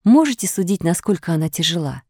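A woman narrating a children's storybook with animated, expressive delivery. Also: lowish voice, fast talker, breathy edge, no echo, studio quality.

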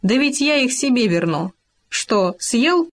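A woman plays a big male wolf from a storybook, blustering and a bit dim. He drawls his words slowly and sounds puzzled as often as threatening. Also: fairly high pitch, very animated, voice pushed up, heavily acted. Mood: gruff. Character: big gruff predatory male wolf, slow-witted. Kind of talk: storybook reading.

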